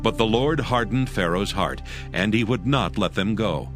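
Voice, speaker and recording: A man narrating dramatized scripture in a solemn, measured, scripted manner. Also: fairly low pitch. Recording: music under the narration.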